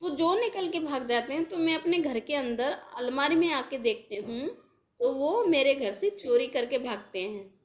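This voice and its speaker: High-voiced woman earnestly retelling a dream. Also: lively intonation, normal speed. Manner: earnest, rambling, heartfelt, speaks to devotees directly. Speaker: devotional storyteller. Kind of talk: retelling a dream in casual speech.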